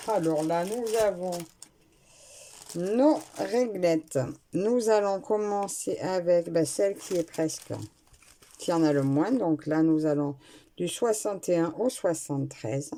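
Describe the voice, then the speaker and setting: At home, a craft vlogger unboxes a kit and chats casually into a nearby camera mic, hesitating and restarting as she goes. Her voice is fairly low-pitched with a warm tone.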